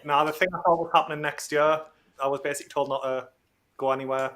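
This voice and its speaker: A man's voice: on the high side, steady tone, quick pace, fairly bright tone, a little hiss or hum. A man chatting casually as a guest on a livestream call, informal and slangy, talking like he is among mates. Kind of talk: casual chat. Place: remote video or voice call.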